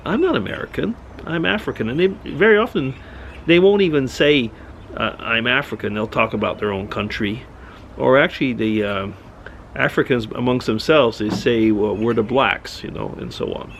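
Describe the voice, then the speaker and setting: Gravelly middle-aged man musing aloud. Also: medium pitch, a little hiss or hum. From Switzerland. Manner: rambling, musing, many restarts. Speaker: vlogger. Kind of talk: casual monologue.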